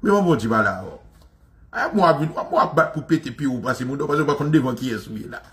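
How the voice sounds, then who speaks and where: A Haitian man hosting a show, ranting in an animated, mocking way, with lots of repetition and frequent laughter. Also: medium pitch, a little fast. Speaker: show host. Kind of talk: impassioned commentary rant.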